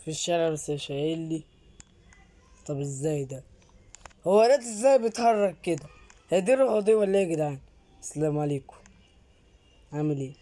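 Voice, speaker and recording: A man with an Egyptian accent, hosting a gaming channel and narrating a horror game, jumpy and quick to yelp and repeat words when startled. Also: on the high side, animated, dark tone. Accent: Egyptian Arabic.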